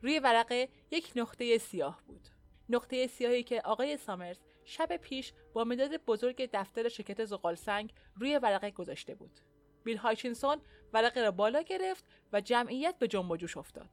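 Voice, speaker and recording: High-voiced woman reading a story. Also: lively intonation, faint music behind. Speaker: narrator. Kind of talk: audiobook narration.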